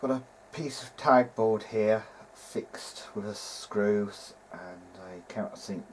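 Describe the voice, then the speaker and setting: Slow and lowish-voiced, a hobbyist radio restorer talks informally at his workbench, thinking aloud in a hesitant manner. The recording has clear, steady background noise.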